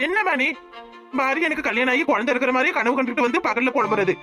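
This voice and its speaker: A woman's voice: high voice, quick pace, sharp tone, soft background music. A woman voicing an impatient young village man who scolds his mother, in a cartoon with a southern Tamil accent. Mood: exasperated. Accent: southern Tamil, Tirunelveli.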